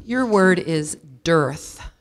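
A woman serving as a spelling bee pronouncer in a school auditorium, saying each word slowly and deliberately and reading out definitions. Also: fairly low pitch, expressive, noisy background. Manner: slow, deliberate, repeats each word clearly.

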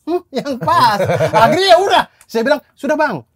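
A man's voice: very high-pitched, lively intonation, normal speed, fairly bright tone. A man in casual chat, retelling what happened with much expression and laughter.

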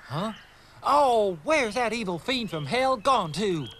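A man's voice: sits high, animated, slow, fairly bright tone, slight background noise, heavily acted. A man voicing a brash, hammy young male gopher. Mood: excited.

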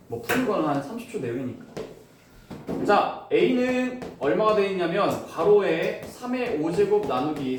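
A man teaching a classroom math lesson, explaining step by step and firing quick questions at his students. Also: fairly high pitch, slight background noise. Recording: echoey room, voice from far off.

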